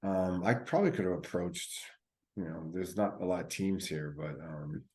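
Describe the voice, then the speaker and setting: A man's voice: sits low, lively intonation, moderate pace, a little mellow. A man co-hosting a podcast in casual chat, laid-back and rambling with many fillers. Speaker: podcast co-host.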